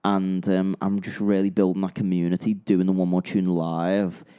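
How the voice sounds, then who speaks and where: A man's voice: deep voice, flat delivery, normal speed, dark tone, smooth, muffled recording. A British man in casual podcast chat as co-host, rambling and repeating "yeah" and "you know".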